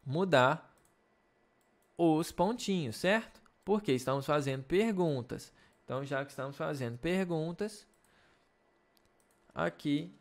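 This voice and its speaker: Slow, patient Brazilian male English teacher. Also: on the high side. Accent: Brazilian Portuguese. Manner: slow, patient explaining with frequent check-ins. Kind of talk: recorded video lesson.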